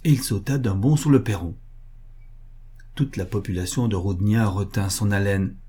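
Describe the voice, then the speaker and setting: A man narrating a classic story in a measured, even way. His voice sits low with a dark, mellow color and a slightly husky grain. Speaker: audiobook narrator. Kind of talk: scripted literary narration.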